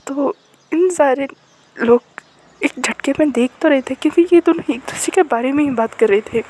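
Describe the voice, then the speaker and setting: A woman with a higher-pitched voice retells a story in a chatty, casual way, slipping quickly into the characters' lines as she goes. A faint hiss of noise sits under the recording. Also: warm tone, rough recording. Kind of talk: retelling a drama plot in casual narration.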